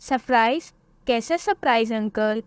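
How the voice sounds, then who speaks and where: A woman voicing a trusting young boy bird in a cartoon, eager and high-pitched. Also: measured pace, clean tone, no echo, lightly acted. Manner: eager, whiny when scared.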